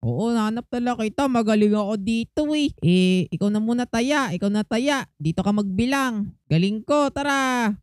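A chatty woman hosts a gaming video and keeps calling out to her viewers. Her voice is mellow and warm. It sounds dry and close. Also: fairly high pitch, normal speed, no room sound. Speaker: gaming channel host. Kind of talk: playful gameplay commentary.

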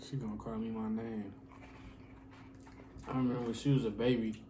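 A young man talks casually as he eats, hosting a family vlog. His phrasing is colloquial and lightly teasing, aimed at a child. There is clear noise behind his voice. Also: lowish voice, little pitch movement, normal speed. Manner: eating while talking. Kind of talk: casual chat.

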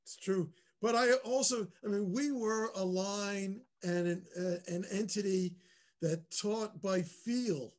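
A man's voice: sits high, slow pace. A man in his fifties thoughtfully explaining things in a casual reunion chat.

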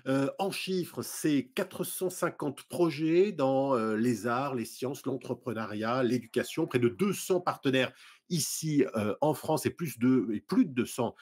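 Husky middle-aged guy hosting a tv arts interview over video call, lively questions, lots of euhs. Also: medium pitch, unhurried. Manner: lively questioning, frequent fillers. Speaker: TV arts show host.

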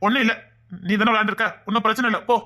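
A woman's voice: fairly high pitch, steady tone, very fast, bright, forceful tone. A woman with a Tirunelveli Tamil accent acting in a comedy skit, coaxing and pressing with questions.

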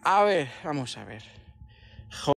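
A man hosting a casual livestream chat, talking in an animated way with rhetorical questions and mocking imitations. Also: on the high side, slow pace, creaky. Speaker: livestream host.

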